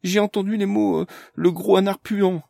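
A man's voice: medium pitch, fairly quick, darkish tone, husky, no room sound, pitched above the performer's own voice, natural voice. A man voicing a frantic young woman on the run, talking urgently and close to tears. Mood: distraught.

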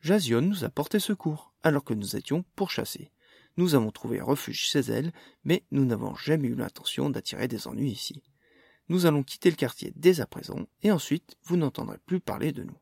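A man voicing a polite male adventurer in an audiobook, formal and measured. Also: medium pitch, lively intonation, gravelly, darkish tone, breathy edge, no echo, clean studio sound. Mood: placating.

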